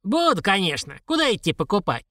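A man's voice: huge pitch swings, brisk, sharp tone, no echo, exaggerated voice. A man voicing a small, dry, spiteful old woman who shrieks and curses. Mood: bewildered. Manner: shrill, shrieking and cursing.

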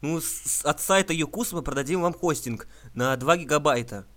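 A man making a prank phone call, talking in a deadpan, mock-earnest way and stumbling over words. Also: a little high, moderate pace. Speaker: prank caller.

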